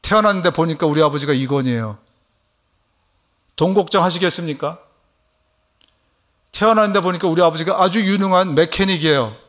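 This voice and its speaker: A male pastor delivers a sermon in a church, his voice sitting a little high. He preaches emphatically, putting questions to the congregation and slowing down to voice Jesus' words. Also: a bit bright. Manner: asks the congregation questions, affirming 'ye'. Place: church sanctuary.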